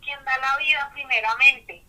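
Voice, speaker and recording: Bright-voiced woman giving short answers. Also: sits high, moderate pace, low-quality recording. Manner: brief, agreeable replies. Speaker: Bible study student.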